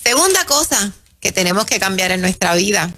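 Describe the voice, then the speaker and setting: A woman preaching in an emphatic sermon style on a radio show, calling her listeners her children and slowing down to stress key phrases. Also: medium pitch, big pitch swings. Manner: warm, emphatic, addresses listeners as "mis hijos".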